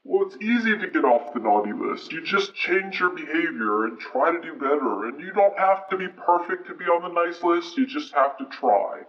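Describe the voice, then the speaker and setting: A man playing a kindly old Santa Claus, answering interview questions in a gentle, reassuring, fatherly way. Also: a little high, lively intonation, normal speed, few pauses, natural voice. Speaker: interview guest. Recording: dull archived clip, distant mic.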